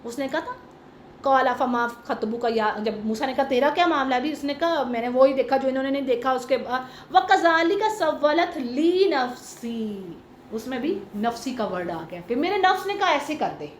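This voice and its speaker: A woman's voice: sits high, expressive, few pauses, roomy sound, a little hiss or hum. A woman teaching a Quran commentary class to a small group. She explains patiently, mixes in English terms, recites Arabic verses and asks the class questions.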